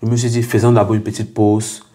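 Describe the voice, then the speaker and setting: A man's voice: on the low side, completely flat delivery, quick pace, warm tone. A young man from Cameroon, earnestly telling his story as an interview guest and repeating phrases for emphasis.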